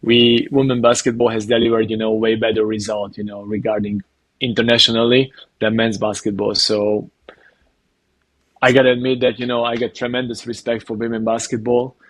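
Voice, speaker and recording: A man with a Hungarian accent, a basketball coach, answering interview questions in a halting way, leaning on "you know" and repeating words as he thinks. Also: medium pitch, flat delivery, no echo.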